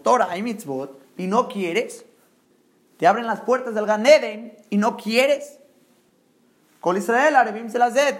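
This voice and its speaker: A man's voice: high-pitched, fairly bright tone. A man giving an emphatic Torah sermon, asking rhetorical questions and mixing Hebrew terms into his speech.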